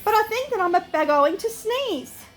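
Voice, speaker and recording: An older woman, a sweet old lady, voicing a polite, apologetic male polar bear from a storybook, courteous and gently pleading. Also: very high-pitched, expressive, unhurried, voice pushed up.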